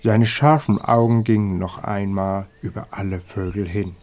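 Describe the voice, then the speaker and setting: A man reading a storybook aloud in a slow, calm, measured way. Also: on the low side.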